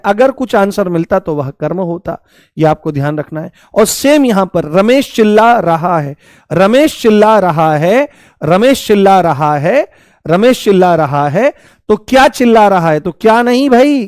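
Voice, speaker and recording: Male teacher, fairly high voice, dry close sound, repeats examples and quizzes students. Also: a little mellow, dry recording. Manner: repeats examples, coaxing students with rhetorical questions. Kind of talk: online grammar lesson.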